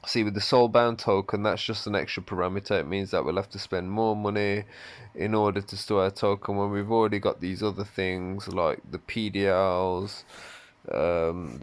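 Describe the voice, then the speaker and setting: Low-voiced man musing over crypto notes. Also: fairly even intonation, moderate pace. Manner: casual, thinking aloud, offhand asides. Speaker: crypto video commentator. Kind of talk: reading and commenting on an AMA.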